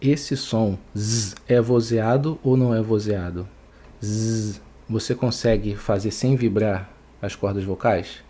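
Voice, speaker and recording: A man with a Brazilian Portuguese accent teaching English pronunciation, patiently repeating words slowly to show each sound. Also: on the low side, steady tone, warm tone, breathy edge. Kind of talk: online English pronunciation lesson.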